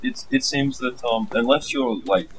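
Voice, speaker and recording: A man's voice: mid-range voice, measured pace, low-quality recording. A man co-hosting a casual gaming podcast, polite and correcting himself mid-sentence. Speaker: podcast co-host.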